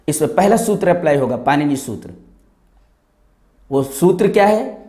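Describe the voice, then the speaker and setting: A male Islamic scholar giving an explanatory lecture, methodically breaking words into sounds step by step and chanting grammar rules slowly. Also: on the high side, warm tone.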